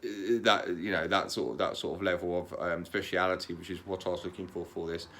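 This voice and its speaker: A man talking in a casual, candid vlog, calm and matter-of-fact, often repeating words and restarting sentences. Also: low-pitched, brisk, a little hiss or hum. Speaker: vlogger.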